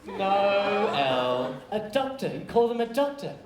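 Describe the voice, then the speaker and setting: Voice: mid-range voice, big pitch swings, normal speed, darkish tone, close to an everyday voice. An actor playing a reassuring medical student friend in a stage comedy, with an exaggerated delivery. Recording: distant echoey stage, faint noise.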